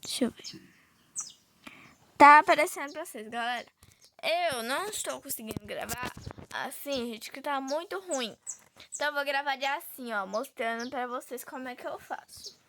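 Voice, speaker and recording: A woman's voice: sits high, animated, normal speed, fairly bright tone, slight background noise. A young Brazilian woman chatting casually to viewers while playing a phone game, talking to them constantly. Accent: Brazilian Portuguese. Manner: chatty, addresses viewers often. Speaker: gaming vlogger. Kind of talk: casual gameplay chat. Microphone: phone recording.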